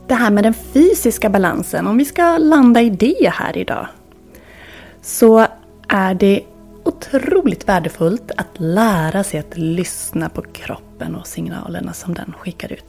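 A woman hosting a wellness podcast, talking in a calm, reflective, instructive way that sometimes drops to near-whispers. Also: medium pitch, creaky, soft background music. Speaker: podcast host and wellness coach.

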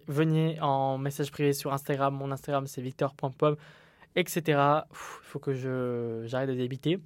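A man's voice: fairly high pitch, dry recording, studio quality. A young man hosting his own solo podcast, talking candidly and rambling with frequent restarts. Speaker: podcast host.

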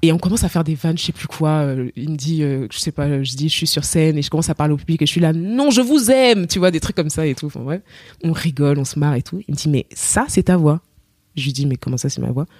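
A woman's voice: low voice, fast talker, dry recording, clean studio sound. Young woman singer from Cameroon, chatty. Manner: lively storytelling, acts out quoted dialogue, many fillers. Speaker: singer, podcast guest. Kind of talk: casual interview chat.

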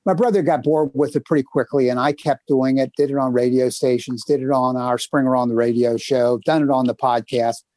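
Chatty and full of fillers, a male co-host tells stories and plugs upcoming segments on a casual podcast recorded at home in northern Kentucky. He talks a little fast with hardly any pauses, in a steady, medium-pitched, slightly mellow voice, and there's no echo.

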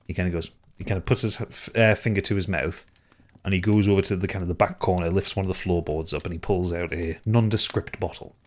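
A man's voice: low-pitched, steady tone, quick pace. A man narrating as game master of a tabletop game, loose and full of fillers and restarts.

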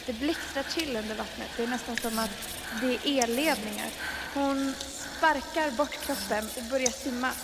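A woman's voice: fairly high pitch, long reverb tail, very noisy. A woman improvising a horror story, narrating with suspense and building tension.

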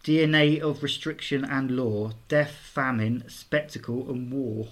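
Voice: mid-range voice, steady tone, a little slow, slight background noise. A co-host on a casual music podcast who reads lyrics aloud and teases the other host.

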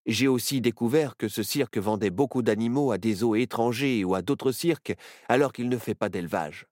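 A man's voice: mid-range voice, normal speed, a little mellow, dry recording, natural voice. A man reading as a journalist trapped in a parrot's body, earnest and matter-of-fact, close to the reader's own voice. He rattles through his explanation in a dry, close read. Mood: explaining. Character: adult male journalist turned into a parrot, earnest.

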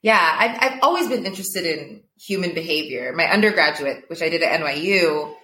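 Woman coach, casual and reflective, laughs easily; lowish bright voice, roomy echo. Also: animated, brisk. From Portugal. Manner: laughs often, reflective, fillers of "like". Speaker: coach, interview guest. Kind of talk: casual conversation.

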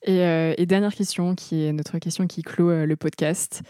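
A woman hosts a podcast and asks her questions in a relaxed, halting way. Her voice is low and mellow. It is recorded close and dry. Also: no echo. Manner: relaxed, hesitant with fillers when asking. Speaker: podcast host. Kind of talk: casual interview.

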